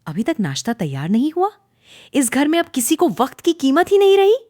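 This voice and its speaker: A woman putting on a nagging older mother-in-law from a cartoon, her voice pitched high and loud, sharp with taunts. The recording is dry and close. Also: lively intonation, normal speed, dry recording, lightly acted. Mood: scolding. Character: stern scolding older Indian mother-in-law.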